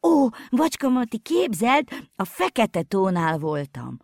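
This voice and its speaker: A woman's voice: on the high side, sing-song, creaky, darkish tone, no echo, studio quality, voice pushed up, full character voice. A woman voicing a frightened little girl who eagerly tells a story in a storybook reading.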